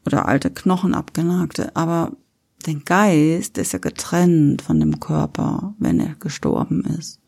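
A woman's voice: low-pitched, lively intonation, a little slow, creaky, darkish tone, husky. A woman in casual chat, making her point in a matter-of-fact, argumentative way. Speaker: podcast co-host.

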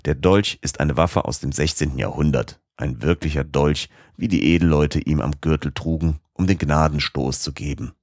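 A man voicing an elderly professor from an audiobook, stubborn and excitable, who explains things firmly. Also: extremely low pitch, normal speed, hardly any pauses, no echo, studio quality. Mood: coolly lecturing. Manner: lecturing, firm.

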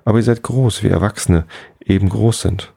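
A man's voice: fairly low pitch, moderate pace, creaky, warm tone, slightly rough, no echo, clean studio sound. A man doing a curious young boy. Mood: wondering.

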